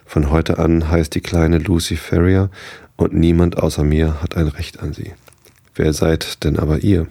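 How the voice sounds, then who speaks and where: Tired earnest settler guy, low husky voice, a man reading it out for a bedtime story. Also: flat delivery, measured pace, warm tone, dry recording, exaggerated voice. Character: weary male settler rescued in the desert.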